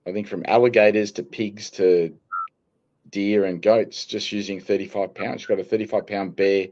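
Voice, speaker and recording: A man with an Australian accent, a guest telling stories in a relaxed, dry-humored way during a casual interview. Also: lowish voice, moderate pace, lo-fi sound. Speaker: guest, archery gear business owner.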